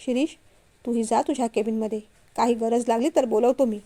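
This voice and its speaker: A woman's voice: on the high side, steady tone, brisk, dark tone, natural voice. A woman reading as a stern middle-aged father. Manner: firm, scolding.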